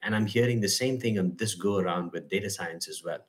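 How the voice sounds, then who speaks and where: A man from India with an Indian accent, talking in a relaxed conversation and often pausing on ums and uhs. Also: low voice. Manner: hesitant, many ums and uhs. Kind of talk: casual conversation.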